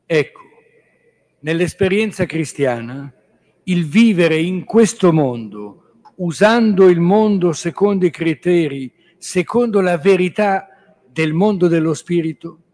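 A man, a priest, giving a spiritual reflection on scripture. He speaks in a measured, reflective way and keeps restating his points. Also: high-pitched, expressive, darkish tone.

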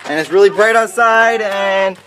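A man's voice: sits high, moderate pace. A man vlogging playfully as he explores old castle tunnels with friends, talking to the camera. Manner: excited, playful narration to camera. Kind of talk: casual vlog chat.

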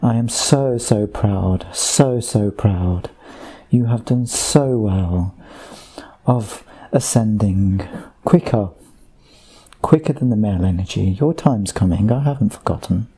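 A man speaking under hypnosis as a channeled voice, slow and repetitive, addressing listeners like a sermon. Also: fairly low pitch, mellow, a little hiss or hum.

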